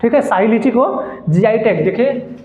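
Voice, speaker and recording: A man's voice: sits high, normal speed, darkish tone. A man teaching a geography lesson in a classroom, explaining patiently and constantly checking that students follow. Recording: echoey room, tinny phone-like sound.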